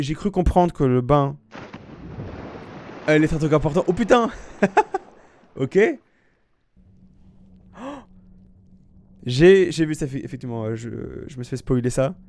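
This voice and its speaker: A man's voice: fairly high pitch, fairly quick, darkish tone. A man streaming a casual live reaction, rambling and slangy, often restarting his sentences.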